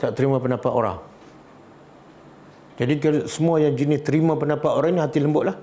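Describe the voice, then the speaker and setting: A religious teacher with a Malaysian Malay accent leads a Quran study class, frequently putting questions to the audience and repeating key words. He speaks fast in a fairly high-pitched voice, with a steady, dark tone.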